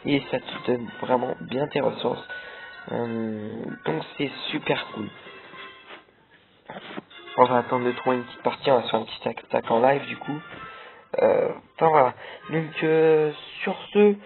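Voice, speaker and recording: A young man talks through his gameplay in a loose, rambling way, full of fillers and restarts. His voice sits at an ordinary pitch for a man. The sound is thin and tinny, with loud game music playing underneath. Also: a little slow, gravelly, pauses often. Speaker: gameplay video creator. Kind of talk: casual gameplay commentary.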